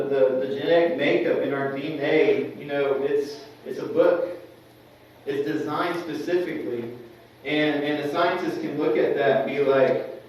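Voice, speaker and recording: A young man's fairly high voice, with a darkish tone, carries through a church classroom as he teaches Sunday school. His manner is conversational, and he often seeks the class's agreement. There's slight background noise, plus room echo from a far-off mic.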